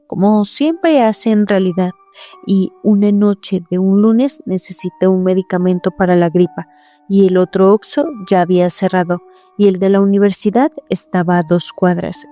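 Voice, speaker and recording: Woman narrating a horror story, mellow voice. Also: mid-range voice, soft background music. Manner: measured, suspenseful first-person telling.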